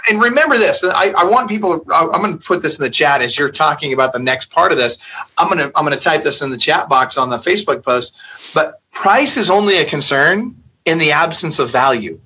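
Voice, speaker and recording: A man hosting a real estate webinar, energetic and upbeat as he introduces his guest and asks questions. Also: fairly high pitch, a little fast, husky. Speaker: webinar host. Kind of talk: webinar interview.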